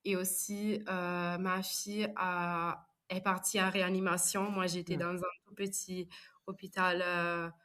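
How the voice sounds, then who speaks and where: In French, with Italian as her native tongue, a young woman from Italy hesitates often while recounting her story in a podcast interview. She speaks unhurriedly and flatly in a lowish voice that still carries a fairly bright tone.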